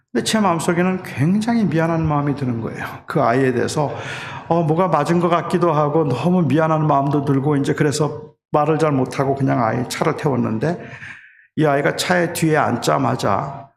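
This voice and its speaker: Korean pastor preaching in an echoey church. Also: male voice, a little high, vocal fry, slight background noise. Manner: storytelling, rising to impassioned shouting. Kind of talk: sermon. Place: church sanctuary. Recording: echoey church hall with faint ambience.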